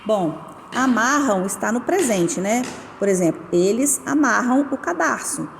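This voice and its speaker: A woman with a fairly high voice, giving a schoolbook lesson. She explains patiently and draws out stressed syllables. The recording carries a long reverb and faint background noise. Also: expressive, unhurried, vocal fry. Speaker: teacher.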